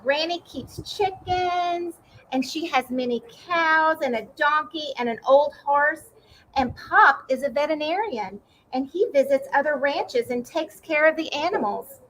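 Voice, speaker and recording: A woman's voice: sits high, measured pace, a little hiss or hum, low-quality recording. A woman reading as a shy little girl. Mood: cheerful. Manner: soft and hesitant.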